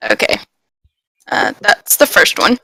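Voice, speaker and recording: A woman's voice: a little slow, bright, forceful tone, rough recording. A woman playing in a tabletop game, chatting casually and asking about the rules. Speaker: player.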